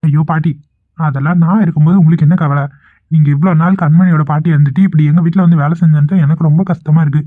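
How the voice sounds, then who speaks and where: A man's voice: fairly high pitch, fairly even intonation, fast, no room sound, lightly acted. A man voicing an earnest, caring young husband in a cartoon. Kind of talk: cartoon voice acting. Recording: thin phone-like recording.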